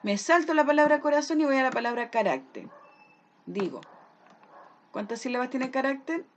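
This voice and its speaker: A woman teacher patiently explains a lesson, often checking her pupils follow with "¿ya?". Her voice is high and animated at a moderate pace, with slight background noise.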